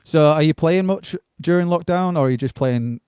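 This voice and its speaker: A man's voice: on the high side, moderate pace, background noise. Blokey, matey man hosting a livestream. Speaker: host of a live music stream. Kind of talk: casual chat.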